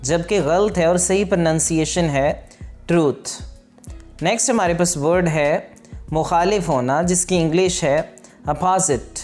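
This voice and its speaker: A woman teaching English pronunciation in an online lesson, repeating each word slowly and carefully. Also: on the low side, a little mellow, faint music behind.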